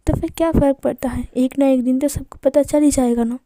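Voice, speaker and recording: A woman's voice: high-pitched, fairly even intonation, a little fast, dark tone, no room sound, close to an everyday voice. A woman voicing a petulant, mischievous young man who pouts and accuses, in a read-aloud story. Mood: sulky. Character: sulky mischievous young man, hot-tempered.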